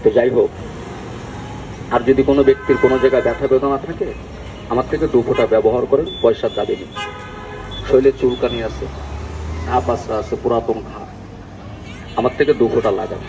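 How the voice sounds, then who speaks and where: An older man giving a folksy street sales pitch as a herbal oil vendor, often addressing listeners familiarly. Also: fairly even intonation, fairly quick, pauses often. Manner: folksy, repeatedly addresses listeners as uncle and brother. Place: outdoors on a busy street. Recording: noisy outdoor street with traffic.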